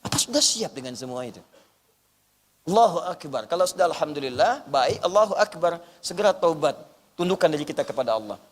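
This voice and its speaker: A man preaching an Islamic sermon to a live audience, animated and repeating short punchy phrases for emphasis. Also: fairly high pitch, fairly quick, big-room sound. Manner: animated, acts out everyday scenes and quoted voices.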